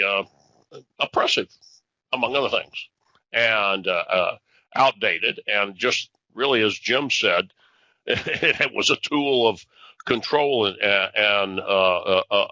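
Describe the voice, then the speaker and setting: Bright-voiced man, halting analyst talk. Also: fairly low pitch, dry recording, dull audio. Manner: halting, many fillers and restarts. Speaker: podcast co-host, analyst. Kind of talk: casual discussion.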